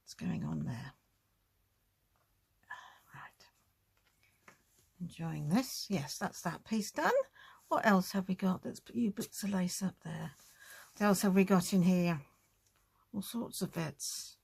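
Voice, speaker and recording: Husky woman, chatty crafting. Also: fairly low pitch, expressive, slow, pauses often, darkish tone. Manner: chatty, thinking aloud while working. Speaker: crafting tutorial host. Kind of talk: casual crafting tutorial.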